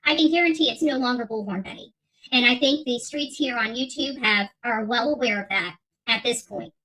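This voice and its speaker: Her fairly high-pitched voice moves fairly quickly with a sharp tone, caught on a rough recording. She is a middle-aged woman hosting an unscripted livestream rant, responding to viewer chat combatively and emphatically while repeating herself.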